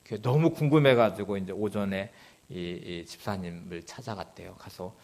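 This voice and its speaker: Korean pastor telling a sermon story. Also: male voice, normal speed. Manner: acts out the quoted people, swings between loud urgent questions and low quiet narration. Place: church sanctuary.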